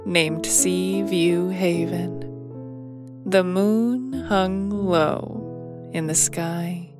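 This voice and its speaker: Woman, very slow bedtime tuck-in narration, soothing, lowish pitch, piano music behind. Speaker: sleep story narrator. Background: soft piano music.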